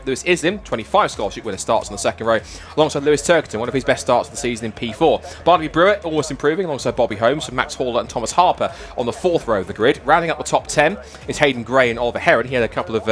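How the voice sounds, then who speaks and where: A man commentating on motorsport, rapidly running through the starting grid. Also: medium pitch. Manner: rapid and lively, reads off names. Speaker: race commentator.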